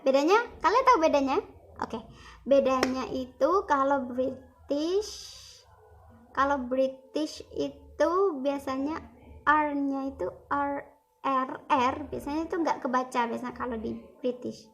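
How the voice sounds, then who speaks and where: A woman's voice: sits high, unhurried, a little hiss or hum. A young woman teaching English in an online video lesson, explaining over slides in a chatty, casual classroom tone.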